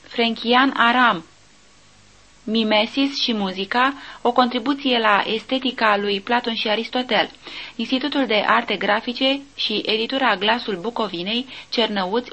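High-voiced woman reading slowly. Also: sharp tone, low-quality recording. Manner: slow, measured reading of reference lists. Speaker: audiobook reader. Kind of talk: nonfiction audiobook narration.

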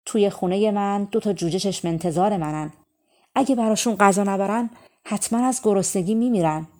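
A woman's voice: mid-range voice, dark tone, close to an everyday voice. A woman voicing wild birds in a storybook, pleading earnestly for their chicks.

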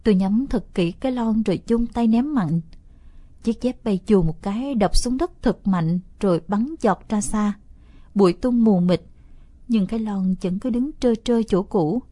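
A woman reading a first-person story aloud as an audiobook narrator, steady and expressive. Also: mid-range voice, measured pace, no room sound.

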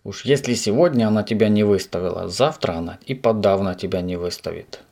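A man's voice: on the low side, lively intonation, moderate pace. A man voicing a cheeky impish male creature with a snout who teases and mocks. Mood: gleeful. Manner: teasing, mocking, gleeful.

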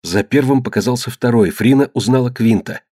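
Guy reading an adventure story, steady and dramatic, mid pitch, no room sound. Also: fairly quick, husky, dry recording, studio quality. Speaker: narrator. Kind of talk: scripted audiobook narration.

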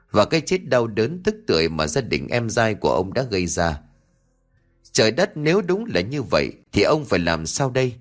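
A man narrating a ghost story as an audiobook reader. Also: fairly low pitch.

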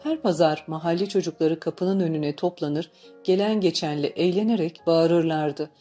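Mellow woman narrating an audiobook. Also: fairly low pitch, moderate pace, soft background music. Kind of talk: scripted narration.

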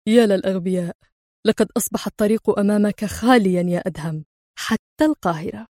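A woman as unflappable spy hero, calm and sarcastic, dry studio sound. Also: medium pitch, quick pace, dry recording, natural voice. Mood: mocking. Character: cool mocking male secret agent hero.

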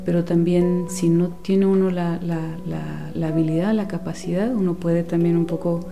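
A woman in her forties from Guatemala, a guest speaking softly in an interview and searching for words with many pauses and restarts. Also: lowish voice, fairly even intonation, creaky, music in the background. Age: 40s. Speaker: guest, women's companion and former teacher. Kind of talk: unhurried interview talk.

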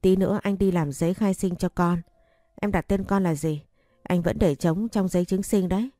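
A woman's voice: on the low side, fairly even intonation, normal speed, mellow, no echo, clean studio sound, natural voice. A woman voicing a confident, doting young husband who teases bossily, in a story reading. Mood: teasing.

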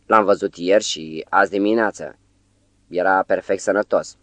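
A man voicing a nervous, flustered poet who talks in an anxious, hushed way, in an audiobook. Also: deep voice, dry recording. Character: nervous flustered male poet, middle-aged.

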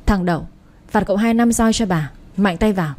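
A woman's voice: mid-range voice, fairly quick, dark tone, natural voice. A woman voicing a stern elderly mother who rules her household, speaking severely and with command.

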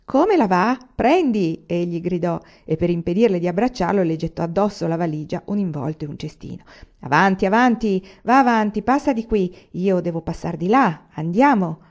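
A woman reading an audiobook, voicing a hurried, curt young male student brushing off his old nurse. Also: fairly low pitch, darkish tone, muffled recording. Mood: brusque. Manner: curt, impatient.

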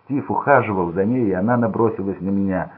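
Desperate blinded young thug, read by a man, shrill pleading, raised strained voice, tinny phone-like sound. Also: fast, breathy edge. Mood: agitated.

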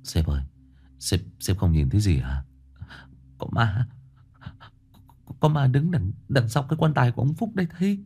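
A man's voice: mid-range voice, sing-song, fast, hardly any pauses, mellow, breathy edge. A man voicing a panicked young man who insists he sees a ghost, pleading and rising to a cry.

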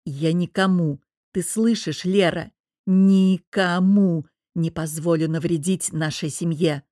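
A woman voicing a stern, protective husband who answers in firm, clipped lines, set a little lower than her own voice. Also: expressive, slow pace, warm tone, no echo, studio quality.

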